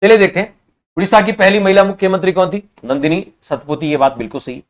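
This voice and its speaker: His voice sits high as he leads an online exam-prep class. He quizzes the students, repeats each answer back, and now and then scolds them for slow replies.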